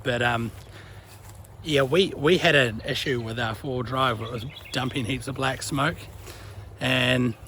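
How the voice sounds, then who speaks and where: This is a casual vlog from a young man with a New Zealand accent, strolling by a creek with his dog. His mid-range voice sounds relaxed and conversational, peppered with Kiwi slang, over a light hiss or hum.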